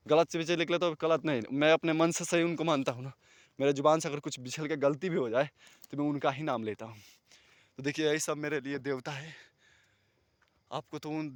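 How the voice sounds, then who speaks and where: Earnest rambling man vlogging at night. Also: mid-range voice. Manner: rambling, earnest, at times loud. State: scared. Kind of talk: casual talk to camera. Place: outdoors at night, far from houses.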